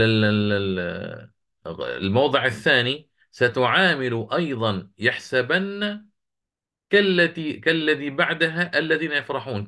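A man teaching a lesson on Quranic recitation, answering students' questions and slowly chanting the verses he quotes. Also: medium pitch, sharp tone.

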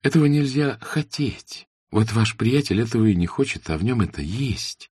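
A reserved, observant young woman speaks softly and earnestly in a storybook reading, as a male narrator lifts his husky voice to play her. The sound is dry and close. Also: medium pitch, animated, moderate pace, dry recording, voice pushed up. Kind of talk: audiobook character reading.

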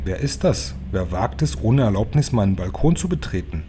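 A man's voice: lowish voice, very animated, moderate pace, mellow, slight background noise. A man voicing a cruel, commanding female witch queen in a storybook reading, snappish and imperious. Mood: suspicious.

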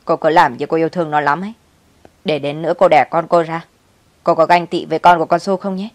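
A woman's voice: low voice, little pitch movement, brisk, dry recording, lightly acted. A woman doing a sarcastic mother-in-law. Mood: needling. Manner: needling, sarcastic.

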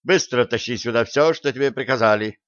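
A bossy young woman, as a man puts her on in an audiobook, snappish and quick to anger. Her voice is smooth and clear. The recording is dry and a little dull. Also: medium pitch, a bit bright, no echo, close to an everyday voice.

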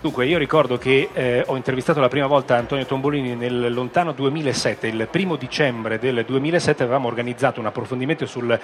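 A man hosting a live radio talk show, pausing mid-sentence as he presents. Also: mid-range voice, soft background music. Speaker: radio host. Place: live broadcast stand at a busy book fair.

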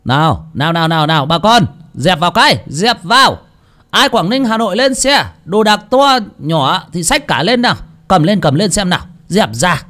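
A man's voice: high-pitched, lively intonation, sharp tone, pitched above the performer's own voice. A man voicing a bus conductor calling out and herding passengers onto the bus. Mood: barking. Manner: barking, hurried calls.

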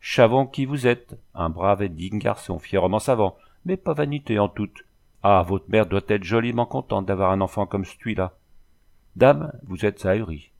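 A man's voice: fairly low pitch, lively intonation, moderate pace, gravelly, darkish tone. A man voicing a homely, chatty old peasant mother who talks in rustic country dialect, in an audiobook reading. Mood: fussing, doting.

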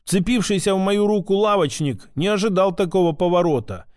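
A man reading a first-person audiobook in a measured, even storytelling manner. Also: high-pitched, no echo, studio quality. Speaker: audiobook narrator.

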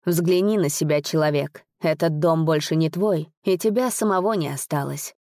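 A quiet, bloodless spirit voice drifts out slow and rustling, as a woman reading the tale puts it on. The tone is dark and mellow. It sits close and dry, with no room around it. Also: low-pitched, no room sound. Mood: gloomy. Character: cold bodiless spirit voice, male.

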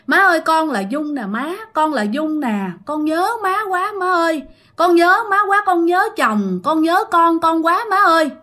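Woman narrator voicing a sobbing possessed ghost, high shrill pleading, storytelling. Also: very animated, moderate pace, sharp tone, heavily acted. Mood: wailing. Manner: wailing, pleading, repeating herself. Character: sobbing woman possessed by a dead daughter-in-law's spirit.

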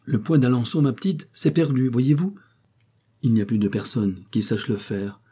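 A man voicing a shrewd, greedy old female secondhand-clothes dealer in an audiobook reading, haggling and quick to take offense. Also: mid-range voice, warm tone, breathy edge, pitched above the performer's own voice, close to an everyday voice.

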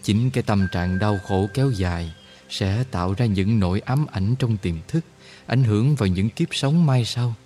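A man voicing a calm older male spiritual guide who explains things slowly and soothingly. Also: on the low side, soft background music, natural voice. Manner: slow, measured, soothing explanations.

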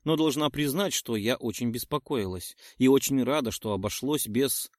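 A man's voice: mid-range voice, normal speed, no echo, clean studio sound, lightly acted. A man voicing a dignified caustic woman. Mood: dignified, wry. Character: dignified sharp-tongued woman, a mother.

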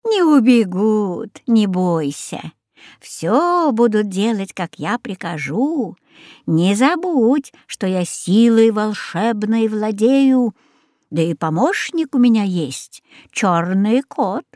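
A woman's voice: mid-range voice, big pitch swings, a little mellow, no room sound, clean studio sound. Baba Yaga, a sly old witch, as a woman puts her on. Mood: sly coaxing. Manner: sweetly coaxing, sly, slow and drawn-out. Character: scheming old female forest witch. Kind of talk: storybook reading.

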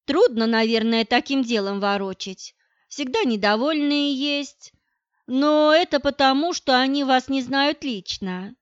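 A woman's voice: a little high, lively intonation, a little slow, clean tone, no room sound, dull audio. A woman reading the lines of a confident, coquettish young woman in an audiobook, in a sweet, coaxing manner. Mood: flattering.

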